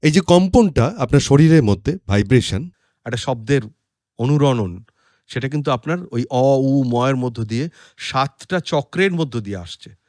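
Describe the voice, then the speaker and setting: A man with a Bengali accent giving an explanatory spiritual talk, chanting Sanskrit verses slowly and deliberately. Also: medium pitch, lively intonation, a little mellow, no echo, clean studio sound. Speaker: podcast speaker on scripture.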